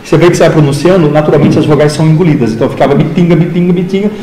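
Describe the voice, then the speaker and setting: A man's voice: fairly high pitch, rapid-fire, slight background noise. A man in his fifties from the interior of São Paulo, a literature teacher telling stories in a casual interview and acting out dialogue. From interior of São Paulo state, Brazil. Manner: animated, acts out dialogue in other voices. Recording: roomy echoing room.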